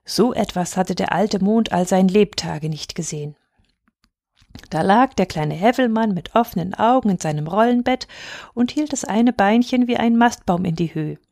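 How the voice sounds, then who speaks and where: Woman reading a bedtime fairy tale, calm and expressive, dry close mic. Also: mid-range voice, normal speed, vocal fry, no room sound. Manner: calm, expressive, softening to a hush. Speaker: storyteller.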